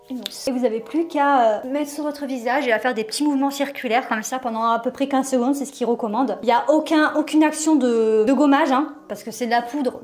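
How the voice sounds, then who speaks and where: Brief: young female vlogger, casual skincare chat, slightly high voice, soft trailing phrase ends, filler-heavy. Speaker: beauty vlogger. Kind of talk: casual morning-routine vlog with voice-over. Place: small echoey bathroom at home.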